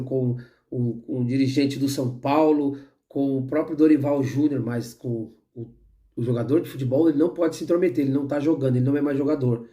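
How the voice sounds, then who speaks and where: A man's voice: medium pitch, mellow. A Brazilian man with a Brazilian accent giving heated, rambling football opinions with frequent restarts. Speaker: football commentator. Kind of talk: opinionated casual football talk.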